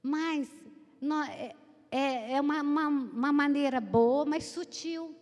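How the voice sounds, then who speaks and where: A middle-aged Brazilian woman preaching a sermon as pastor, telling stories with lively acted-out voices. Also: high voice, takes it slowly. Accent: Brazilian Portuguese. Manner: animated storytelling, acts out quoted voices. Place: church hall. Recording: long hall reverb.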